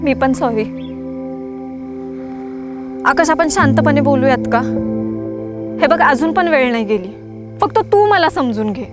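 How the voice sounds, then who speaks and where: Woman playing a young girl stuck between family and her guy, really high voice, pleading. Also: animated, unhurried, pauses often, over loud music. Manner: pleading, defensive.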